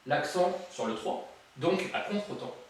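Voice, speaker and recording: Jokey drum teacher in an echoey room. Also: male voice, fairly high pitch, expressive, unhurried, recorded from a distance, heavy background noise. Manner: playful, jokey asides while counting beats aloud. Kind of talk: drum lesson. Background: drums playing.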